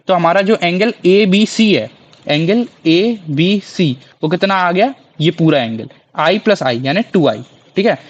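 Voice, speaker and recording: A man's voice: on the high side, dull audio. A man teaching a school maths lesson, asking questions and answering them himself. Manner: slow, deliberate spelling-out of angle names.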